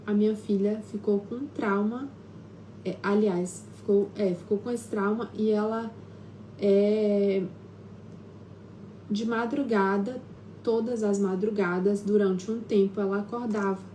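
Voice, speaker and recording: Brazilian Portuguese woman, live-stream host and therapist, warm dark timbre, chatty and hesitant, faint background hiss. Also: mid-range voice, steady tone, a little slow. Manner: conversational, with frequent tag questions and filler hesitations. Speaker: self-healing therapist hosting a live stream. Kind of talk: casual live-stream talk, personal storytelling. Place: at home.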